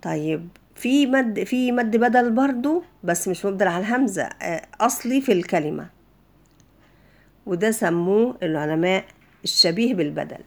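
A woman's voice: mid-range voice, lively intonation, moderate pace. Egyptian woman teaching tajweed step by step. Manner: explains step by step with frequent fillers and restarts. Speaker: Quran recitation teacher. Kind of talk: informal tajweed lesson.

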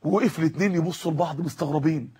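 A man's voice: a little high, rapid-fire, dark tone, husky. A male preacher with an Egyptian accent telling a dramatic sermon story in rhythmic, repeating phrases. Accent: Egyptian Arabic.

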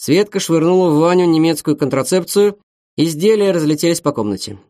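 A man narrating an audiobook in a wry, brisk manner. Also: a little high, animated, dark tone, dry recording, studio quality. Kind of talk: scripted narration.

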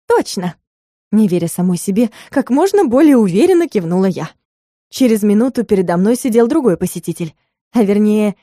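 Woman narrating with a dark, mellow voice. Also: medium pitch, no echo, studio quality. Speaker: audiobook narrator. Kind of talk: scripted first-person narration.

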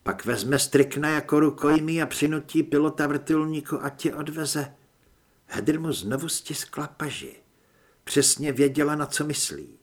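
A man narrating an audiobook with steady, dramatic storytelling. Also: fairly high pitch. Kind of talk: scripted narration.

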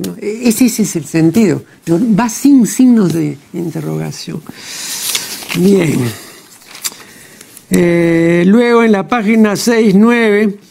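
A man hosting a TV program, talking through errors in a translation in a deliberate, pedantic way, often tagging his sentences with a questioning "no?". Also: high voice, creaky, darkish tone. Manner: deliberate and pedantic, with frequent "¿no?" and "pues". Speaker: TV program host. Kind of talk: studio commentary critiquing a translation. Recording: TV program audio.

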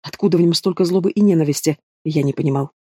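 Male narrator for a gritty first-person thriller, mellow and fairly high, dry studio sound. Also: quick pace, breathy edge, no echo. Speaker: audiobook narrator.

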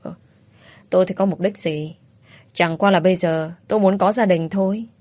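A woman's voice: on the low side, steady tone, normal speed, a little mellow, no echo, close to an everyday voice. A woman voicing a blunt, teasing young woman.

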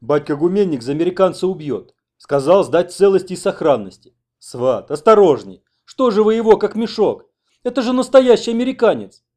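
A man voicing an agitated middle-aged village man who shouts and panics. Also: a little high, very animated, normal speed, pitched above the performer's own voice. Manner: frantic, shouting.

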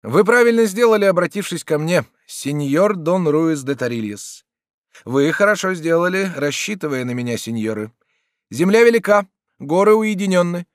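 A man's voice: a little high, lively intonation, normal speed, no room sound, studio quality, voice pushed up, natural voice. A man voicing a courteous, proud young nobleman who speaks formally and with dignity. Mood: dignified.

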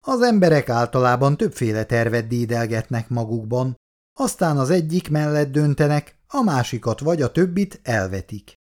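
A man's voice: mid-range voice, very animated, darkish tone, lightly acted. A man reading aloud as a formal, probing schoolteacher.

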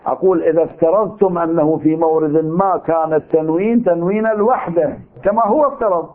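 A man with an Iraqi Arabic accent teaching a seminary lecture on legal theory, arguing his point through rhetorical questions. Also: fairly high pitch. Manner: argumentative, poses rhetorical questions. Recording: tinny narrow-band recording.

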